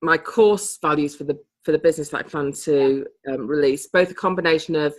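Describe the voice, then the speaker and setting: She's British, with a low voice and a fairly quick delivery, and she's taking part in a coaching group's video call. The chat is casual, full of frequent laughter, and she occasionally loses her thread.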